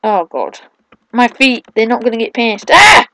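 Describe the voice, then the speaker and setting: A woman doing excitable, casual let's play commentary, mixing drawn-out exclamations with quieter asides. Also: a little high, no room sound, low-quality recording. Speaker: gaming video host.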